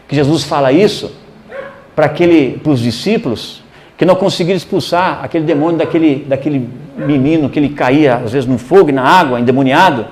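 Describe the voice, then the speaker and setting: A man preaching a sermon, telling a personal story and swinging between hushed and emphatic delivery. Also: fairly high pitch, a little hiss or hum. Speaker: pastor.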